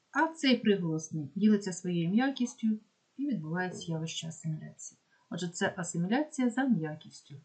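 A woman with a Ukrainian accent, teaching a pronunciation lesson and slowly spelling out example words with care. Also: medium pitch, darkish tone. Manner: slow, careful dictation of examples. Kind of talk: explaining phonetics lesson.

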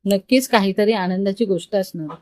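A woman's voice: medium pitch, fairly quick, a little mellow, no room sound, natural voice. A woman storyteller voicing a friendly, teasing young male coworker in a dry, close recording. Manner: easygoing, teasing.

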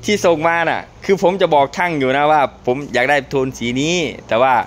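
A man chatting in a casual vlog at an outdoor truck workshop. His pitch swings lively up and down as he talks and laughs, with faint noise behind him. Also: brisk. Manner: lively, laughs often, speaks to fans. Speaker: truck owner vlogger.

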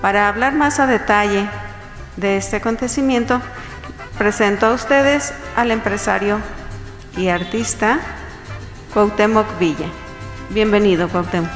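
A woman formally introduces a guest at a press event. She stands back from the mic, and her mid-pitched voice carries long reverb in an echoey room, with faint music behind her. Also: unhurried, pauses often. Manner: formal, announcing. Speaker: event host. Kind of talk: formal announcement. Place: municipal meeting room, indoors.

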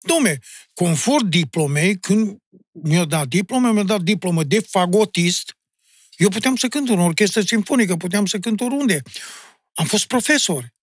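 A middle-aged man with a Maramureș Romanian accent, chatting as a podcast guest in a blunt, animated, storytelling way. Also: sits high, breathy edge, dry recording, clean studio sound. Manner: animated storyteller, addressing the host bluntly with "mă" and "domne"; insistent, emphatic. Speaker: guest, folk singer and music teacher. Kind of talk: casual podcast conversation.

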